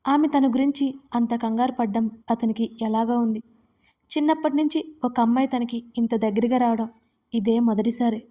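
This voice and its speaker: A woman narrating a romance audio story with steady, expressive reading. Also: fairly high pitch, moderate pace.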